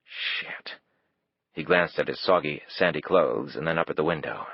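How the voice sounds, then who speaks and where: Low, husky male narrator, measured scripted reading, dry and muffled recording. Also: no echo. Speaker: audiobook narrator. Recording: dull, dry, lo-fi.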